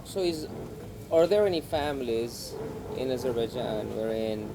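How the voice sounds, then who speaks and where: A male podcast co-host chats and asks questions casually. His voice has plenty of creak at an ordinary pitch. Clear noise runs behind him. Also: lively intonation, a little slow. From Philippines. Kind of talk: casual conversational interview. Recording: clear background vehicle-like noise.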